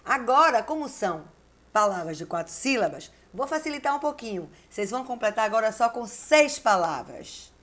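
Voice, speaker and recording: A woman, a teacher giving a video lesson, who dictates slowly and repeats key words syllable by syllable while encouraging her class. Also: a little high, animated, a bit bright. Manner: encouraging, addresses the class directly. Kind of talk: video lesson with word exercises.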